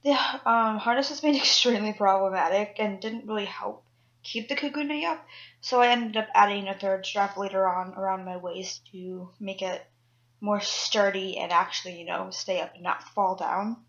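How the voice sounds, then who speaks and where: A woman's voice: mid-range voice, moderate pace, fairly bright tone, lo-fi sound. A woman cosplay vlogger talking through a costume build in a chatty, rambling way, mocking herself and swearing casually. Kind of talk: casual chat and voiceover tutorial.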